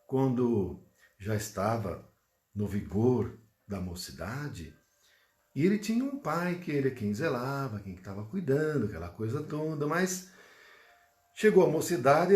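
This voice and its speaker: A Brazilian Portuguese man gives a spiritual talk, telling a story animatedly before a hushed closing prayer. His pitch rises and falls widely, and his middle-range voice is steady. The room adds a clear echo. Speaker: Spiritist lecturer. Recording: roomy echo.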